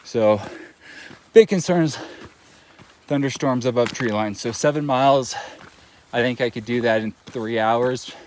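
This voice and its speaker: A man talks to his camera while hiking a mountain trail, his voice sitting at an ordinary middle pitch. He rambles casually, full of fillers and easy asides. Light rain, wind and hail patter faintly behind him in the open air. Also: unhurried, pauses often. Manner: relaxed, rambling, with many fillers. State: a little out of breath. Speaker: thru-hiker vlogger. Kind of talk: casual trail vlog narration.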